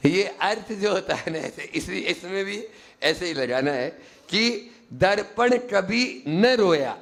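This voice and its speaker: Slow, gravelly high-voiced monk teaching. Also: male voice, lively intonation, fairly bright tone. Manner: teaching, asks the audience questions and acts out quick voices. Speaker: Jain monk giving a discourse. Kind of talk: sermon. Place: teaching camp hall with audience.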